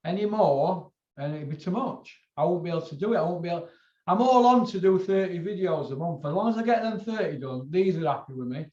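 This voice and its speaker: Brisk and a little mellow, his high-sitting voice carries lively intonation as this Northern English boxing channel host chats casually. He rambles in a colloquial, sweary way, repeating himself and doubling back, and the audio is roomy with a dull lo-fi quality.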